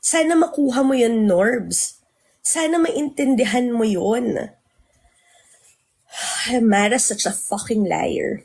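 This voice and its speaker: A high-pitched woman vents on a livestream in a husky, breathy voice. She is indignant and heated, and openly very emotional as she flips between Tagalog and English. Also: animated, slow pace, long pauses, darkish tone. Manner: self-described very emotional.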